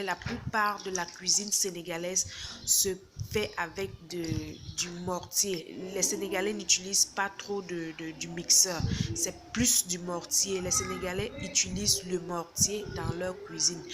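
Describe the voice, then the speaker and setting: A woman showing a recipe step by step, often checking in with "d'accord?". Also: lowish voice. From not from Senegal. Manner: explains step by step, repeats "d'accord?". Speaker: home cook. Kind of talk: cooking tutorial. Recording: loud background noise.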